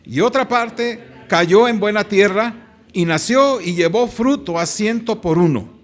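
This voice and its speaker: A man's voice: high voice, measured pace. A man with a Mexican Spanish accent preaching a sermon in a church, stretching out key phrases and calling on the congregation to read along. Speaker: pastor.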